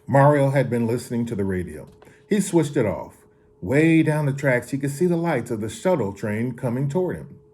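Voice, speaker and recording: A man reads a children's story aloud with a warm, mellow voice. His pitch rises and falls expressively, and he sometimes backs up to reread a line. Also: moderate pace. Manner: expressive reading with occasional restarts. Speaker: story reader.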